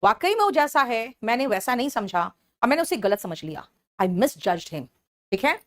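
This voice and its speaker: Woman teaching, higher voice, Indian English. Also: big pitch swings. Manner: explains each word slowly, checks in with students often. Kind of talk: exam-prep vocabulary lesson.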